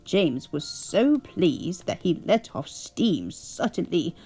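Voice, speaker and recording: Soft music plays as a woman, speaking fairly low in a slow, dark, sing-song manner, exaggerates the voice of a sweet old English grandmother. She reads a bedtime story in a put-on English accent, chuckling and doting over her grandchild in a cozy mood.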